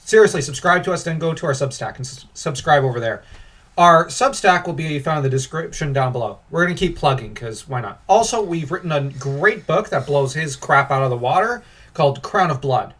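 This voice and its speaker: A young man with a fairly high voice co-hosts a podcast, reading film reviews and tearing into them. His delivery is sarcastic and lively, his pitch swinging up and down as he rants and laughs. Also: brisk. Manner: sarcastic, laughs often, animated ranting. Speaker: podcast co-host. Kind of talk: casual podcast review chat.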